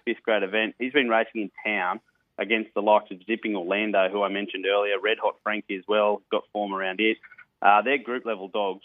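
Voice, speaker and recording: A man's voice: lowish voice, no echo, narrow, tinny audio. Blokey Australian man, matey racing radio presenter. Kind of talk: casual sports radio interview and racing tips.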